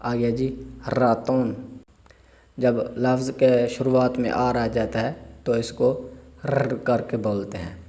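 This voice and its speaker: A man teaching vocabulary, spelling each word out slowly letter by letter and explaining pronunciation. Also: medium pitch, little pitch movement, gravelly, a little mellow. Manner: slow, drawn-out spelling of words letter by letter; asides in Urdu-Hindi with polite fillers. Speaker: language teacher.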